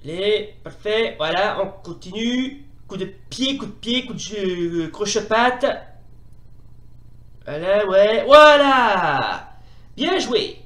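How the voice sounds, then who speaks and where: A man commentating excitably as he plays a retro fighting game, often exclaiming and repeating himself. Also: sits high, takes it slowly, echoey room. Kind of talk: playing while commentating.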